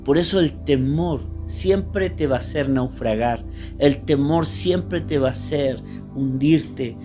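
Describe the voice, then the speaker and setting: A pastor delivers a sermon with a fairly high voice, swinging between emphatic peaks and quieter passages as he speaks straight to the congregation. Soft instrumental music plays faintly behind him. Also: slow pace. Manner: emphatic preaching, often addresses listeners directly.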